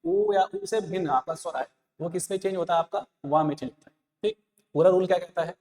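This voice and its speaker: Guy coaching exam answers, keeps asking "what did i say?", voice a bit high, echoey long reverb. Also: sing-song, a little fast, darkish tone. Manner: repeats key points, quizzes listeners with rhetorical questions. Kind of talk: Hindi exam-prep lesson, explaining answers.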